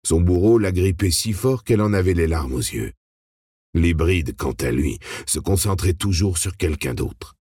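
A man reading a novel aloud in a steady, dramatic narration style, close to the mic. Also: low voice, moderate pace. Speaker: audiobook narrator. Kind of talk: scripted narration.

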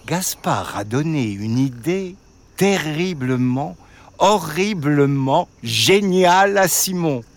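A woman narrating a children's storybook with slow, expressive delivery. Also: low voice.

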